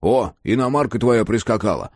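A man voicing a brash, foul-mouthed young male driver who shouts and curses. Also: lowish voice, animated, normal speed, no echo, clean studio sound. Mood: mocking. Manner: shouting, cursing.

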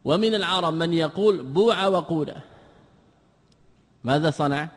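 A man's voice: fairly high pitch, moderate pace. Man teaching grammar in a hall. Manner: asks and answers his own questions. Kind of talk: classical grammar lesson.

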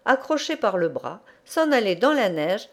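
Lady reading a classic story out loud, very lively voice, storyteller vibe. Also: medium pitch, moderate pace. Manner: expressive storytelling. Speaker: audiobook reader. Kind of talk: literary audiobook narration.

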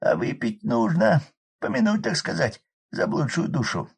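A hoarse, garrulous drunk from a village, his voice jumping high and loud as he fusses and rambles. He mutters pieties between excitable complaints, rough and husky throughout. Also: normal speed, full character voice. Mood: agitated fussing. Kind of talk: audiobook character voice.

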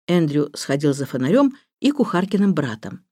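A woman narrating a children's storybook in a steady, expressive reading voice. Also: low voice, normal speed, husky, no echo, studio quality. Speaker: audiobook narrator.

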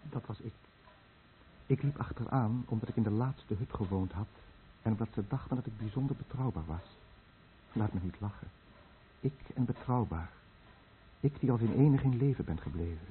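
In a Dutch-language radio drama, an actor plays a dying fisherman consumed by guilt, delivering a brooding, bitter, confessional monologue to the listener about his lost village, full of bitter remorse. His voice is natural and fairly low, at normal speed with long pauses. The old recording sounds muffled and narrow-band, with faint noise.

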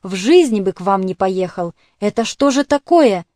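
A woman reading an audiobook voices a wheezing, gouty old male clerk who pleads hoarsely and fervently. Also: medium pitch, animated, moderate pace, mellow, no room sound, clean studio sound, natural voice. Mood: agitated.

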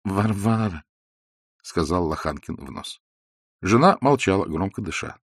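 A man narrating a novel in an expressive, measured audiobook reading. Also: deep voice, slightly rough, no echo, clean studio sound. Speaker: audiobook reader.

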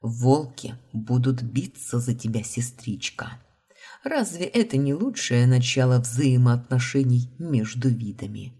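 A woman reading the lines of a young man, the heroine's blond brother, in a calm, guilty, soft-spoken way. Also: rumbling low, unhurried, slightly rough, heavily acted. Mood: hushed.

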